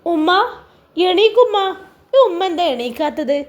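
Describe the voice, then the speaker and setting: A woman voicing an affectionate young teenage daughter who speaks in a pleading, higher voice. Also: normal speed, a little mellow, close to an everyday voice. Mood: anxious.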